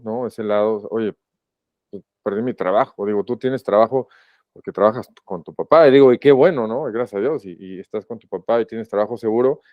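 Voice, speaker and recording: A man with a Mexican accent tells his own story as a podcast guest. His voice is low, smooth and resonant, and he speaks in a reflective, halting way, often stopping to rephrase. The sound is dry and a little dull, like a lo-fi recording. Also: no echo. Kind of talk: personal testimony in a podcast interview.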